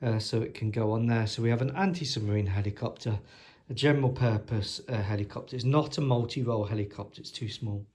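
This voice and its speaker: A sniffly man with hay fever casually shows off his scale model collection at home, rambling chattily with plenty of ums and dry jokes. His voice is fairly low and a little mellow, and he talks fast.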